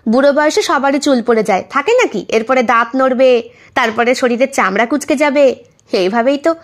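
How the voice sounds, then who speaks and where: A woman's voice: high voice, fast, close to an everyday voice. A woman voicing an older, loving mother in an audio story, who coaxes her daughter affectionately. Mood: coaxing.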